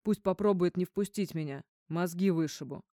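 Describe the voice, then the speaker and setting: A woman's voice: fairly low pitch, moderate pace, dark tone, no room sound, clean studio sound, close to an everyday voice. A woman voicing a drunk, jealous man who barks threats in an audiobook. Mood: shouting. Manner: barking, threatening.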